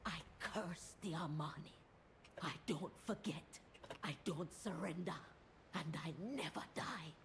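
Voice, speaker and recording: A woman's voice: on the low side, unhurried, a bit bright, slight background noise. A woman playing a fierce, defiant warrior leader in a fantasy game, speaking in a commanding, impassioned way. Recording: game audio under clear music.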